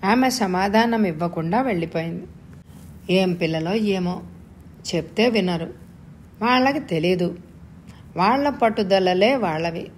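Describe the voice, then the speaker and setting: A woman reading a story aloud as narrator in a steady, measured way. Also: lowish voice, slight background noise. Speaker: story reader.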